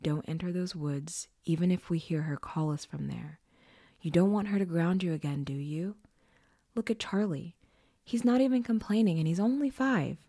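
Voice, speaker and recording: A woman's voice: lowish voice, normal speed, dark tone, dry recording, clean studio sound. A woman voicing a stern, responsible older sister who scolds and protects her brothers. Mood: scolding.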